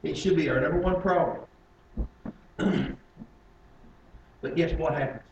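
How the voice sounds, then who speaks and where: A man preaching a sermon as pastor, swinging between loud emphatic stretches and low, quiet ones. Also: unhurried, gravelly, lo-fi sound, slight background noise. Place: church sanctuary. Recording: echoey church from a distance.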